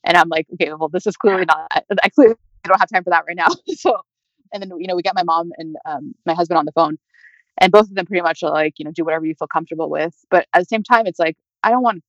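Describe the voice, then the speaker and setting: A young woman telling her own story in a halting, conversational way, with nervous laughs and a voice that rises toward tears. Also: fairly low pitch, dry recording. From California. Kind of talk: personal storytelling. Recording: dry, slightly muffled audio.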